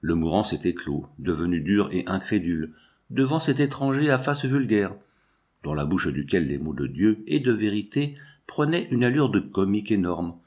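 Low-voiced man reading a novel aloud. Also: very animated, normal speed, a little mellow. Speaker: audiobook reader. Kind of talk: literary audiobook narration.

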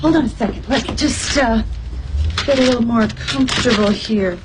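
A woman's voice: on the high side, normal speed, natural voice. An actress playing a flustered, fussy young woman in a sitcom scene, talking in a fussy, exasperated way. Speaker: sitcom character. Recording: sitcom clip with loud background noise.

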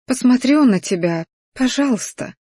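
Clingy whiny young woman in an audiobook, put on by the reader, raised pitch, nasal pleading tone, dry close sound. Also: lively intonation, moderate pace, warm tone, husky, dry recording. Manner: nasal whining, coy pleading. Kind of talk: audiobook character voice.

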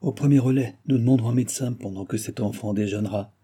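A man's voice: medium pitch, fast talker, dark tone, slightly rough, lightly acted. A man voicing a young noblewoman who coaxes and soothes. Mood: coaxing. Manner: soothing, coaxing. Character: coaxing young noblewoman, woman.

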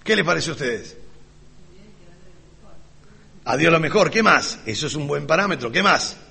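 A man preaching a sermon as pastor, ironic and sarcastic, with lively delivery. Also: a little high, moderate pace, gravelly, slightly rough. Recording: reverberant hall.

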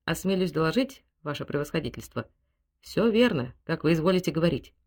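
A woman voicing an old manservant who speaks in a low, hushed, servile way. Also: lively intonation, fairly quick, husky. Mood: deferential. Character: old male servant, obsequious and deferential.

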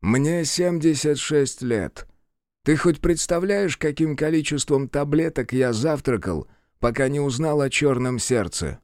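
A man voicing a gruff, short-tempered male general in his seventies who speaks slowly and barks orders in an audiobook. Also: a little high, a little mellow, no echo, clean studio sound, pitched above the performer's own voice, natural voice. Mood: stern. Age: 70s. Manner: slow, clipped, barking orders.

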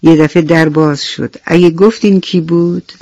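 A man telling a children's bedtime story on the radio, gently asking the young listeners questions as he goes. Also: a little high, steady tone, no room sound, muffled recording. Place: radio studio.

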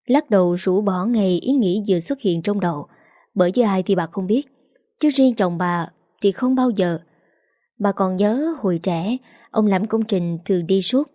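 Mellow woman narrating a story. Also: mid-range voice, normal speed, no echo, clean studio sound.

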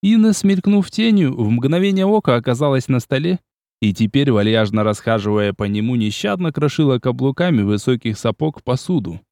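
A man narrating a fantasy audiobook in a steady storytelling manner. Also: medium pitch, brisk, no echo, clean studio sound.

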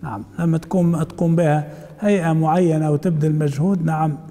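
A man's voice: fairly high pitch, steady tone, quick pace, dark tone, in a large hall. A man teaching a hadith commentary, reading the text aloud, then explaining it in colloquial asides and putting questions to his class.

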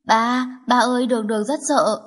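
A woman voicing a frightened, tearful little girl who pleads in a childlike way in audiobook dialogue, with a husky voice. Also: on the high side, steady tone, moderate pace, lightly acted.

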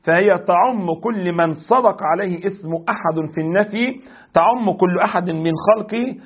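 An Egyptian man teaching a religious lesson in a high, husky voice. He explains point by point, recites verses and asks his class questions. The sound is tinny and phone-like, as if from a lo-fi recording. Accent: Egyptian Arabic. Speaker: sheikh teaching a creed text.

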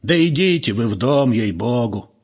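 A furious, gruff man, as a male reader puts him on, mocking and shouting. The husky voice sits in a dull, lo-fi recording. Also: on the high side, normal speed, voice pushed up. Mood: angry. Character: burly man, scalded and furious.

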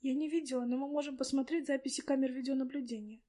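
A woman reading the part of a calm, firm female store administrator who reassures a panicking customer. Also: high-pitched, fast talker, close to an everyday voice.

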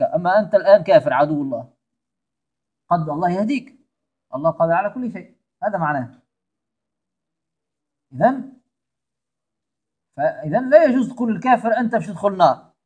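Man, Tunisian accent, religious lesson, emphatic, repeats points, husky tone. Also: on the high side, a little mellow. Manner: emphatic, repeats key phrases. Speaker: religious teacher.

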